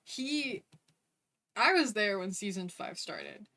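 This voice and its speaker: A woman's voice: mid-range voice, sing-song, slow, sharp tone. A woman chatting casually on a voice call, her mic clipping and distorting as it cuts in and out. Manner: rambling, enthusiastic, full of "like" and "um". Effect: clipping, distorted mic cutting in and out. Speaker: streamer co-host. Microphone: computer mic on a voice chat call.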